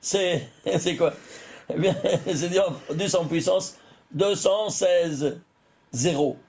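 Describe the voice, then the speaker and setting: A man's voice: high-pitched, slow pace, a little mellow. A man, a rabbi, teaching a Torah lesson, chuckling often, restarting phrases and checking that his listeners follow. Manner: talks directly to listeners, checking they follow; chuckles often while explaining.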